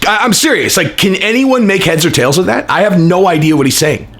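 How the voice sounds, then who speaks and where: A man with a somewhat high-set voice delivers casual, profane reaction commentary. He rants in an animated, incredulous way, leaning on repeated rhetorical questions like a channel host talking straight to his regular viewers. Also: a little fast.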